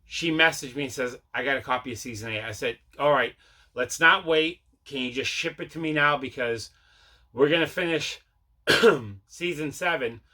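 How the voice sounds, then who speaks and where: A man with a medium-pitched, pushed, and bright voice hosts a casual mail-day vlog about his collection, speaking at a normal speed. He chats while showing off movie pickups, rambling and repeating himself along the way.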